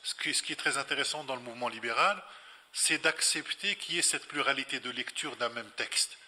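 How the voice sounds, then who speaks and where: A man's voice: mid-range voice, brisk, pushed and bright. A man speaking as an invited scholar at a public talk, explaining reflectively and didactically, repeating phrases for emphasis. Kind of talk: explanatory spontaneous lecture answer. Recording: reverberant hall.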